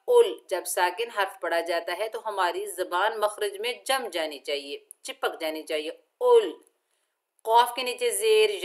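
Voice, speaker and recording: A woman teaching Quran recitation with tajweed, patiently explaining each letter and then chanting each word slowly and drawn out. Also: mid-range voice. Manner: patient, methodical instruction. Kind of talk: slow step-by-step recitation lesson.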